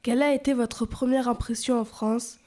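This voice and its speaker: Lady interviewer, mellow, kinda high, reading out formal questions slow and careful. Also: fairly even intonation.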